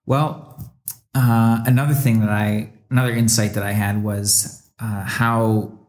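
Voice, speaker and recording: A man's voice: lowish voice, flat delivery, unhurried, a little mellow. A young adult man co-hosting a podcast, reflective and rambling, with many restarts and fillers. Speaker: podcast co-host. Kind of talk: reflective casual chat.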